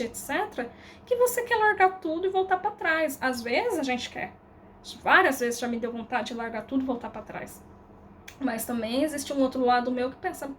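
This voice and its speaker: A woman's voice: high voice, slight background noise. A Brazilian woman in her thirties with a Brazilian Portuguese accent, vlogging in a candid, rambling way, with slang and loose fillers. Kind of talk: casual reflective monologue to camera.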